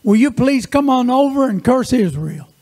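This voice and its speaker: A male preacher voicing a pushy, excitable king in a retold story, bossy and impatient. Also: extremely high pitch, normal speed, long reverb tail, exaggerated voice. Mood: pleading.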